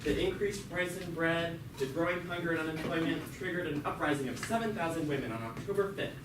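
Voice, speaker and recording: In a very noisy, echoey recording from a far-off microphone, a man speaks fairly quickly in a natural, higher-than-average voice. He's cast as a talkative imprisoned revolutionary narrating his own tale in an amateur puppet show, tripping over words as he drops sardonic, conversational asides.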